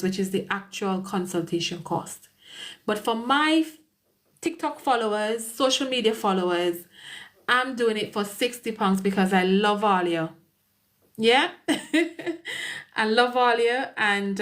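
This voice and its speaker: A woman's voice: medium pitch, fairly bright tone. A woman with a Caribbean accent, an immigration solicitor chatting casually on a live stream, greeting viewers by name and laughing often.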